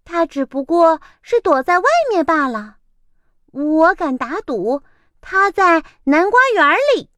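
A woman's voice: very high-pitched, lively intonation, slow, few pauses, darkish tone, no room sound, clean studio sound, pitched above the performer's own voice, heavily acted. A woman voicing a bossy, grumpy cat in a children's storybook reading, snappy and meowing. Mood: mocking.

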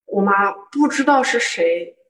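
A woman's voice: mid-range voice, lively intonation, a little slow, fairly bright tone, a little hiss or hum. A young woman from Guangzhou tells a personal story in casual chat, acting out the quoted lines of an argument with rising indignation. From Guangzhou, southern China. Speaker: guest telling a personal story. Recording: voice picked up from a distance.

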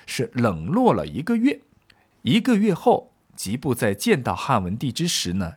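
A man's voice: medium pitch, slightly rough. A man explaining a classical poem through a casual storytelling lesson, with joking asides and many fillers. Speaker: literature explainer.

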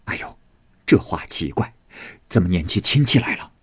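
A flustered married noblewoman, as a man reads her fusses and tries to smooth things over, her voice lifting with lively pitch. The tone stays husky in this storybook reading. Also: moderate pace, no echo, studio quality, exaggerated voice.

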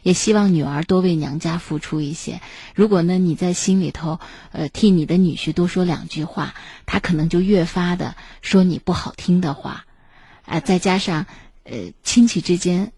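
A woman hosting a late-night phone-in, counselling in a measured, explanatory way. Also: fairly low pitch, mellow, slightly rough, dry recording. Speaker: late-night radio host.

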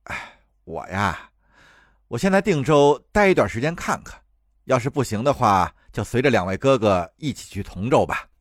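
A man voices a humble young suitor in a historical audio drama, courteous and sincere. His mid-pitched voice moves through a lively range. Faint music runs under the scene. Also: normal speed, no room sound, studio quality. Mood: easy. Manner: courteous, warm-hearted.

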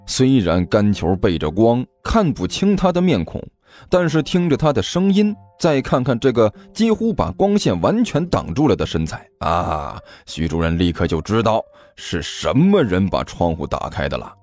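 A man narrating a comic audio drama in a lively storytelling manner. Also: lowish voice, moderate pace, soft background music.

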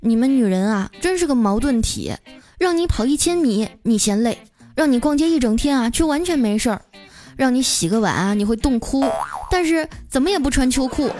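A woman's voice: fairly high pitch, animated, moderate pace, darkish tone, faint music behind, natural voice. A woman voicing a young male coworker who complains in a whiny, sing-song way. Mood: teasing.

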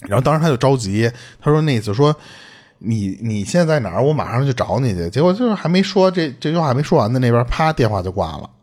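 A man tells a listener's creepy story at a quick clip. His voice swings widely up and down as he acts out the quoted lines. The tone is a little husky. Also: medium pitch. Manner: animated, swearing, acts out quoted speech. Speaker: podcast host retelling a listener's story. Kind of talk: casual storytelling chat.

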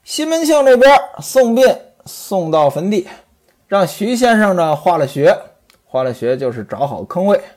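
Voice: mid-range voice, a little mellow. A storyteller retelling a classic novel in a conversational way, turning often to the listeners.

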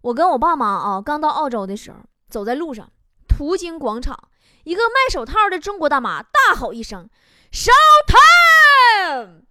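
A woman's voice: high voice, very animated, brisk, pushed and bright, no room sound, clean studio sound. A young woman comedian with a Northeastern Mandarin accent, telling a stand-up monologue with dialect slang and chuckles. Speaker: talk show comedian. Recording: noisy recording with clicks.

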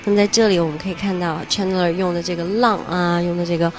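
A woman teaching spoken English, explaining phrases and slowly drilling pronunciation word by word. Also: on the low side, fairly even intonation.

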